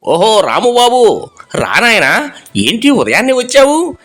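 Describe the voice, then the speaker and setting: A man voicing a friendly older village potter who talks in a slow, folksy drawl. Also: very high-pitched, huge pitch swings, a bit bright, soft background music, exaggerated voice. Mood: welcoming.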